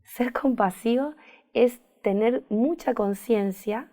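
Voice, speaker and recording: A woman's voice: on the high side, takes it slowly, warm tone. A woman therapist with a Rioplatense Spanish accent, speaking thoughtfully in an interview and often searching for words and repeating phrases. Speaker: therapist guest. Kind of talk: reflective conversational interview.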